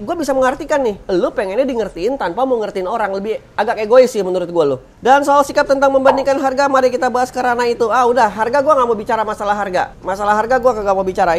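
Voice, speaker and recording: A man giving casual, blunt commentary as host, reading out quotes and arguing against them in slangy talk. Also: extremely high pitch.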